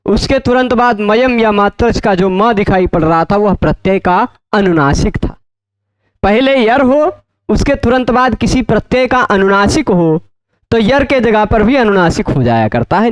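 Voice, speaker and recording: A man teaching Sanskrit grammar in a lecture, often asking his students check questions and repeating terms slowly. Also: sits high, no room sound. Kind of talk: explanatory lecture.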